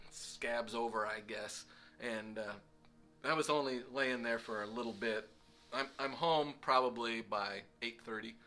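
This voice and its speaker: A man's voice: medium pitch, pushed and bright. A middle-aged man casually telling a self-deprecating story with lots of fillers. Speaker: vlog host.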